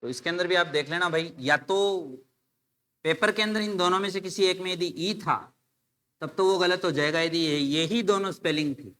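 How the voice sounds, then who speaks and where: Male teacher, bright, slightly high voice, casual classroom explaining. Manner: explains in Hindi mixed with English terms, spells words letter by letter; addresses students casually as "bhai". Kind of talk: exam-solution video lecture.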